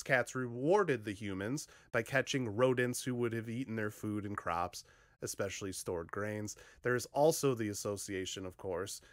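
A man's voice: lowish voice, no echo. A man in his thirties reacting to a news story in a home vlog, chatty, with frequent "uh" fillers, speaking into a studio microphone in a small room. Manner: chatty, frequent "uh" fillers, animated hand gestures. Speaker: vlogger. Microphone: studio condenser mic on a stand in front of him.

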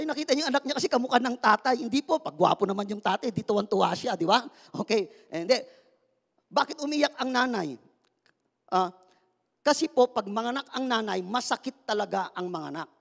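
A very high-pitched, fairly bright male voice with vocal fry delivers a sermon, trailed by long reverb. The pastor keeps things playful, bantering with listeners, prompting replies, and dropping in English phrases.

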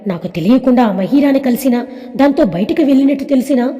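Brief: woman voicing a distrustful, bossy middle-aged mother, dark tone, reverb. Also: high-pitched, animated, fast talker. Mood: threatening. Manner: threatening, suspicious. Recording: echoey reverb.

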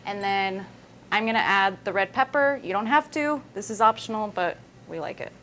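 Speaking at a moderate pace with a mid-range, slightly bright and expressive voice, a woman in her thirties walks viewers casually through a live cooking demo. The setting is an indoor kitchen set with a wooden worktop, captured with noisy room sound and kitchen background.

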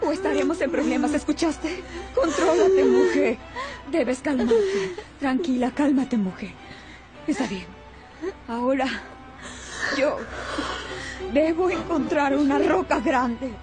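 An older soap-opera woman who pleads and commands in a high, urgent voice. She speaks slowly and deliberately, with dramatic music swelling behind her. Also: lively intonation. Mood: pleading. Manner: urgent and pleading, giving orders. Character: tense older woman urging a young woman on. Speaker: dubbing actress in a soap opera. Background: dramatic background music.

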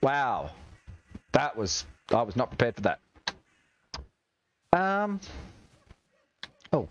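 A man's voice: medium pitch, wildly swooping pitch, slow pace, fairly bright tone, lo-fi sound, a little hiss or hum. A young Australian man streaming a video game, chatting, joking and swearing as he plays. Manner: chatty, swears and jokes while playing. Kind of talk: gaming livestream commentary.

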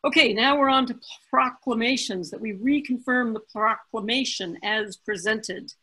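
A woman runs a council meeting over a video call, with a bright tone and a slightly husky edge. She moves through motions briskly and cracks small jokes along the way. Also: fairly high pitch, low-quality recording. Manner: joking, brisk, chatty. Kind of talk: casual meeting chairing.

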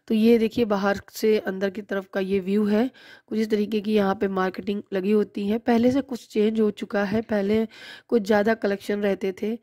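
With a dark tone at medium pitch, a woman in her thirties voices over her shopping vlog casually, explaining prices and bargaining in a chatty way. The studio sound is clean, with no echo.

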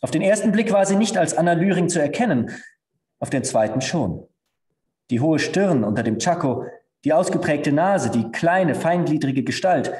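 A man, a stage actor, reading a story aloud with expressive storytelling at a live reading. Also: on the high side, normal speed. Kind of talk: literary reading at a live event. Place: theatre stage. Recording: echoey hall.

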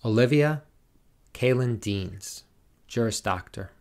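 A man formally reading out graduates' names and degrees at a commencement, in a slow, measured, deliberate way. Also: medium pitch, expressive, a little mellow. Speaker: commencement name reader.

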